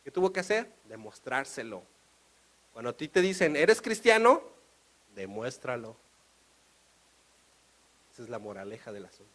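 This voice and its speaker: A man with a Mexican accent preaching a sermon, animated and storytelling. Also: mid-range voice, normal speed, long pauses, poor audio. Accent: Mexican Spanish. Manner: animated, storytelling, acts out dialogue.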